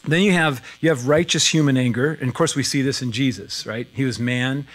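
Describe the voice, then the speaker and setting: A male pastor delivers a sermon in a relaxed, talky way, often chuckling and restarting his sentences. His voice sits at an ordinary middle pitch for a man. He sounds like he is talking with his congregation rather than at it. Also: fairly quick. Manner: conversational, chuckling, frequent fillers and restarts. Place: church sanctuary.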